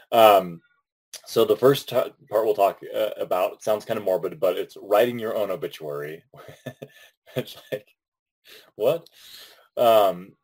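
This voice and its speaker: A man's voice: on the low side, a little mellow, rough recording. A man co-hosting a casual podcast, talking with many ums, restarts and small laughs. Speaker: podcast co-host.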